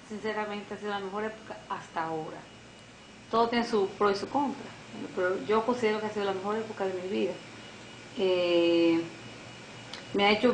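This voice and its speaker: A middle-aged woman from the Dominican Republic with a Dominican accent, a piano and French teacher answering interview questions, often pausing to search for words. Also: mid-range voice. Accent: Dominican Spanish. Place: living room on a sofa. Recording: echoey room, noisy old video tape.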